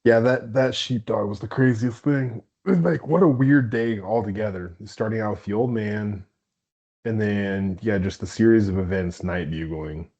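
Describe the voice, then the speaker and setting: A man in a casual podcast chat, agreeing in a relaxed, reflective way. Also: fairly low pitch, normal speed, breathy edge. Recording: dull lo-fi sound.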